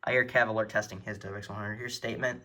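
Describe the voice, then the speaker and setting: The voice is a man's, fairly low and steady but rapid-fire, as he enthusiastically shows his weather radio collection in a casual home video. Filming from behind a handheld camera in an indoor room, he can't be seen, and faint noise plus button clicking fill the recording.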